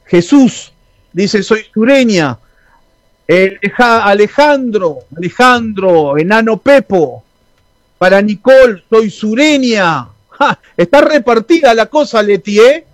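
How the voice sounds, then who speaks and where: Sitting high in pitch, the man speaks slowly and expressively, with no room sound. He hosts a radio show in Uruguayan-accented Spanish, chatting casually and reading listener messages amid frequent fillers and restarts.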